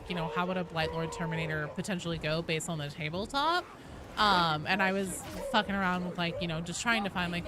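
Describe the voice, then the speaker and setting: Over a noisy background, this game streamer chats casually with her viewers, reading their messages and responding. Her voice is on the low side, and she comes across as opinionated and enthusiastic, dropping casual swears.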